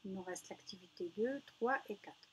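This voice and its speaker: A woman teaching a reading lesson to young children, slow and patient, praising answers and sounding out each word. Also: medium pitch, a little hiss or hum. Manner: patient, encouraging, spells out syllables. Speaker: primary school teacher.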